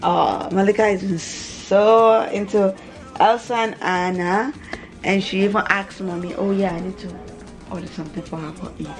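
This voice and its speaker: With faint music behind her, a woman in her thirties talks at normal speed in a medium-pitched voice with fairly even intonation. This family vlogger and mother addresses a camera held at arm's length in her small home kitchen, chatting casually with repeated words and asides.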